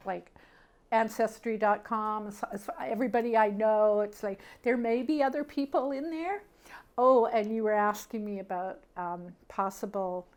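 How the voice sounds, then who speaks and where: Speaking in a medium-pitched, slightly mellow voice, a middle-aged woman from Canada recalls personal memories in an interview. She thinks aloud casually, her conversational speech halting as she goes.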